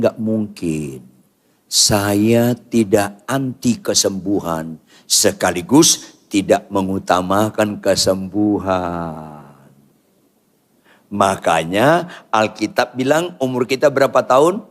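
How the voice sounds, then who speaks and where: An older man preaching a sermon in church, firing rhetorical questions at the congregation and swinging from quiet asides to loud outbursts. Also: on the low side. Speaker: pastor.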